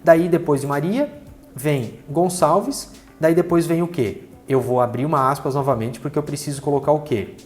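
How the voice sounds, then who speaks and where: A man's voice: fairly high pitch, moderate pace, a little mellow, faint music behind. A man in his forties teaching a spreadsheet lesson over a screen recording, chatty, tossing in little fillers as he points at the screen. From Brazil. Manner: chatty, repeats fillers like "né" and "ó" while pointing things out. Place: small room with green backlight.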